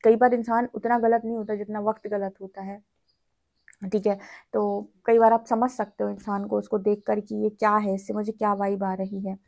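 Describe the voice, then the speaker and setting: A woman giving a spiritual tarot reading to camera, explaining gently and often checking in with "theek hai". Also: mid-range voice, little pitch movement, moderate pace, creaky. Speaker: tarot reader.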